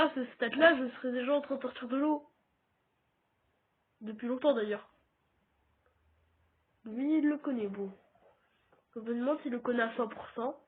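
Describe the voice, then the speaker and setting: This man's voice sits at an extremely high pitch and carries a breathy edge. He's a French-accented YouTuber giving chatty gameplay commentary straight to viewers, recorded with thin, phone-like sound.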